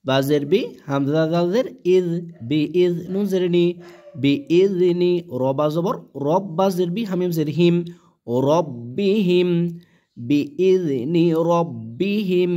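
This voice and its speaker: A man with a slightly high voice and a Bangladeshi Bengali accent teaches Quran reading. He spells out the letters and vowel marks one by one, then recites each word slowly and carefully, and often asks and answers his own questions. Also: warm tone, muffled recording.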